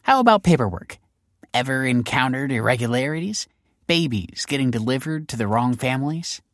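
A man's voice: mid-range voice, expressive, moderate pace, no echo, studio quality, voice pushed up, natural voice. A male audiobook narrator voicing a breezy, mocking female police detective who needles people with sarcastic politeness. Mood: playful. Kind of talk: audiobook character voice.

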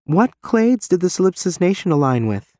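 A man's voice: sits high, very animated, moderate pace, a little mellow, no echo, clean studio sound, pitched above the performer's own voice. A man voicing a guarded but insistent woman war veteran in an audiobook. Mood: probing. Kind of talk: audiobook character dialogue.

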